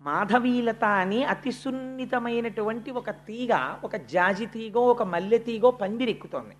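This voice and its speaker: Expressive devotional storyteller. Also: medium pitch. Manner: expressive, shifting between slow emphasis and quick narration, chanting verse. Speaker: religious discourse speaker.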